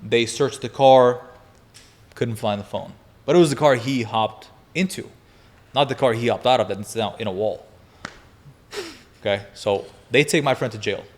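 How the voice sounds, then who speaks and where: A man in his twenties, a podcast guest, telling a wild story in casual chat, energetic and profane, laughing as he goes. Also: medium pitch, moderate pace, long pauses.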